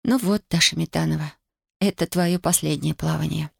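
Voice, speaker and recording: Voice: medium pitch, fairly even intonation, normal speed, gravelly, husky, dry recording. A reader voicing a stubborn young woman grieving in wartime, in a dry studio audiobook recording. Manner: cold, insistent, pleading. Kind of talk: audiobook character voice.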